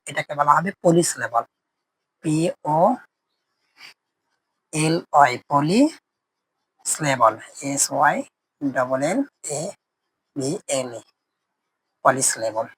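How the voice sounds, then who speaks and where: Man slowly spelling words for students. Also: sits high, a bit bright, no room sound. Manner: asks students questions and answers them himself; frequent "ah" fillers, mixes English words into Bengali. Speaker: English teacher. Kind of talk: classroom lesson.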